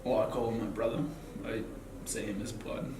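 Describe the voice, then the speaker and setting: A man's voice: fairly low pitch, flat delivery, brisk. Rambling, swearing Aussie man in his twenties. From Australia. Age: 20s. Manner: rambling, swearing, lots of fillers. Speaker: interview guest. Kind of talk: casual chat. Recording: echoey, distant, noisy ambience.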